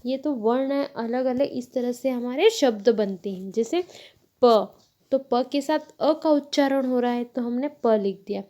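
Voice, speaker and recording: A woman teacher explaining a lesson to young pupils, slow and patient. Her voice sits a little high but sounds soft and mellow. She explains step by step and corrects herself along the way. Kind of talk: Hindi grammar lesson.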